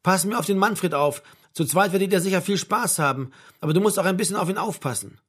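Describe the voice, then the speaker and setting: A man's voice: sits high, quick pace, breathy edge. A man reading a novel aloud, voicing a tired, blunt middle-aged mother who scolds her grown son. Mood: tired, tender. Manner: scolding, tired, sharp-tongued. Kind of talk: audiobook character voice.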